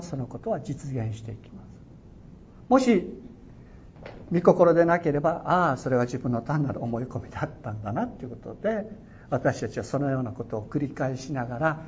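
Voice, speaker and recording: A man preaching a sermon as a pastor, earnest and exhorting, his voice swelling on key words. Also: darkish tone. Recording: dull lo-fi sound with faint rumble.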